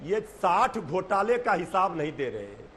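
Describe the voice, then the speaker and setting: A man's voice: high-pitched, very animated, moderate pace, slight background noise. A man arguing combatively as a party spokesperson in a heated TV debate, talking over others. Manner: combative, pleading then shouting over others.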